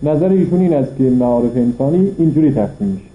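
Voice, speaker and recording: A man at middle pitch gives a classroom philosophy lecture. He reads a passage, then unpacks it step by step and presses his argument with rhetorical questions. The sound is roomy and a little dull, with faint noise behind him. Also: lively intonation. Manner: reads Arabic passages then explains them in Persian; argues point by point with rhetorical questions. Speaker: philosophy teacher. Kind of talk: classroom lecture reading and explaining an Arabic text.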